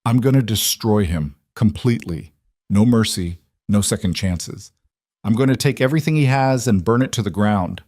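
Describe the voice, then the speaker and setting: A man's voice: on the low side, normal speed, darkish tone, no room sound, clean studio sound, lightly acted. A man voicing a grieving, furious father who talks in firm, clipped declarations. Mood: angry.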